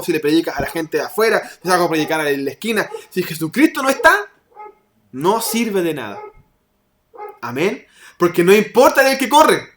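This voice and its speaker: A young man delivers a sermon, his voice sitting notably high for a man. He preaches in a conversational way, slipping into quick asides and bits of laughter. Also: a bit bright.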